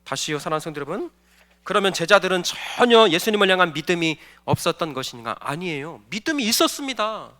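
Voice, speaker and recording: Male pastor in a church, very high bright voice with lively pitch swings, emphatic sermon delivery. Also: fast talker. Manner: emphatic preaching, asks the congregation questions. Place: church sanctuary.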